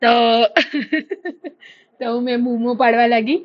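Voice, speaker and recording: A woman's voice: fairly high pitch, moderate pace. Chatty woman vlogging on lo-fi audio. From India. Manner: chatty storytelling, animated when retelling. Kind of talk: casual chat to camera.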